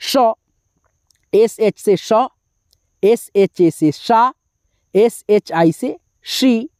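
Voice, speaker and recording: A woman teaches spelling, walking through syllables letter by letter at an unhurried pace. Her voice is mellow and low in brightness, and between the drills she stops to explain. The recording is dry, with no room sound around her. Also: lively intonation, no echo. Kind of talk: slow spelling lesson.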